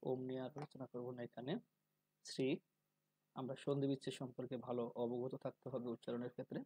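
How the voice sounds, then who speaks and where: A man giving a calm spoken lesson on pronunciation, slowly and deliberately drawing out syllables to demonstrate them. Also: medium pitch, slightly rough, dry recording, low-quality recording. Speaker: teacher of Sanskrit pronunciation.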